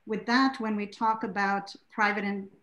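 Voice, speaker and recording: A woman speaking on a panel over a video call, in a gracious and measured way. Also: mid-range voice, fairly even intonation, a bit bright. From Zimbabwe. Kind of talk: academic panel discussion. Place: room with bookshelves. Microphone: laptop video call. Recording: roomy video-call audio.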